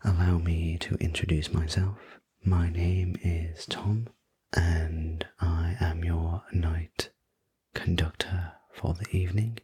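A man playing a courteous night train conductor in a whispered role-play, narrating a sleep story in a soothing, polite, breathy whisper. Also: low voice, level tone, slow pace, mellow, exaggerated voice. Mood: polite, attentive.

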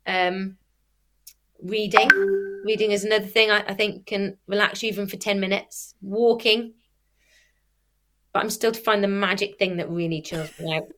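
A woman's voice: medium pitch, fairly even intonation, moderate pace, pauses often, fairly bright tone, slight background noise. A woman who says w for r, chatting casually in an interview and explaining things with examples and self-corrections. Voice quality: cannot pronounce R well, says w for r. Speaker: athlete and youth sports coach.

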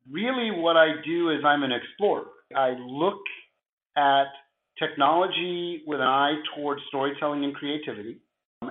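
Gravelly, hoarse man in an echoey room. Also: mid-range voice, phone-quality sound, a little hiss or hum. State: hoarse from flu. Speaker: interview guest, futurist at a film studio. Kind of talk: conversational interview.

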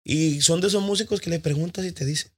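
A man with a Mexican accent, a band singer, telling stories in a relaxed, rambling chat full of slang. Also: fairly high pitch, fast talker, husky. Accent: Mexican Spanish. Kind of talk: casual chat.

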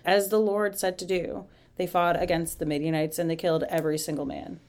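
A woman co-hosting a casual podcast, reading scripture aloud with sarcastic, swearing, deadpan asides. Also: on the low side, brisk. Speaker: podcast co-host.

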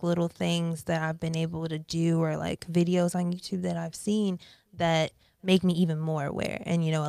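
Young woman in her twenties, low gravelly voice, chatty podcast guest, dry close mic. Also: no echo. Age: 20s. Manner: chatty, animated, drops into whispers. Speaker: guest artist. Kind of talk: casual podcast conversation.

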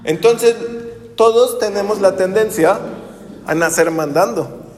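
A man's voice: high voice, unhurried, a little mellow, echoey room, long reverb tail. A man preaching a sermon as pastor, talking conversationally with rhetorical questions.

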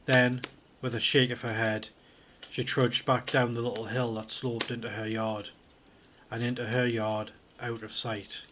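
Male horror narrator, flat steady delivery, faint hiss behind. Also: medium pitch, unhurried. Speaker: podcast host reading a horror story.

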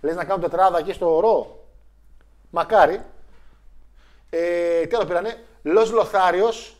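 A young man with a somewhat high voice co-hosts a casual chat. He talks in an animated, joking way and often slips into mimicking others. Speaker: co-host.

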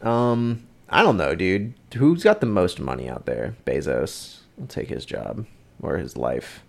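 A man's voice: low voice, very animated, measured pace, vocal fry. A young man co-hosting a podcast, chatting casually in a crude, joking way and laughing often. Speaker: podcast co-host. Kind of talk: casual chat.

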